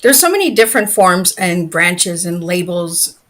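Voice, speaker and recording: A woman's voice: on the low side, big pitch swings, moderate pace, a bit bright, rough recording. A woman from northern Ontario, a guest in a casual interview, talking candidly and openly about her own life. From northern Ontario, Canada. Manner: candid, open and emotional.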